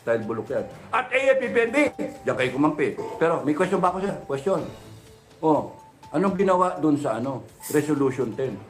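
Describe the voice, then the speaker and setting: A man's voice: on the high side, big pitch swings, brisk, soft background music. Fiery man firing rhetorical questions. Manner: fiery, repeated rhetorical questions, mixes Tagalog and English; mock-polite "sir" addressing officials. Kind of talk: impassioned political rant.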